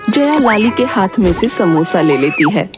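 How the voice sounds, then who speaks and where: A woman narrating a cartoon story in a calm, even storytelling manner. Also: medium pitch, moderate pace, over music.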